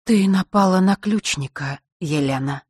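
A woman voicing a commanding queen who speaks calmly and firmly. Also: on the low side, no echo, studio quality. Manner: calm, firm, measured. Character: calm commanding female queen.

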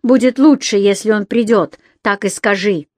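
A woman reading a storybook, voicing a furious male robber chief who threatens his daughter in a gruff, commanding way. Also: mid-range voice, normal speed, a little mellow, no room sound, clean studio sound, lightly acted. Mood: cold fury.

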